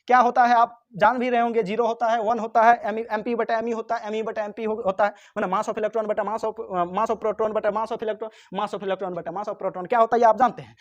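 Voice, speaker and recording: In a high voice captured on a muffled recording, a man goes through physics exam questions one at a time with his class. He teases and scolds the students, at times supplying their answers himself in their voice.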